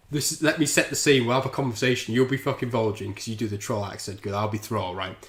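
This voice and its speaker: A man's voice: medium pitch, fairly even intonation, brisk, pauses often, a bit bright, roomy sound. Man, livestream host, casual chat, crude banter, drinking.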